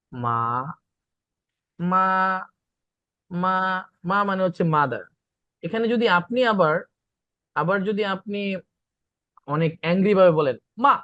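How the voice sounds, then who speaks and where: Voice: mid-range voice, no room sound, highs cut off. A teacher giving an online language class, repeating practice syllables and mixing in English words. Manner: repeats drilled syllables, code-mixes English. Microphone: video call.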